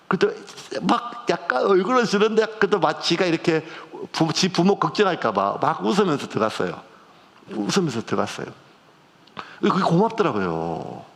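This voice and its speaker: Preaching in a church sanctuary, this middle-aged man moves through sharp emotional shifts in a conversational style. His voice sits on the higher side, gravelly yet fairly bright, and the space gives it a long reverb.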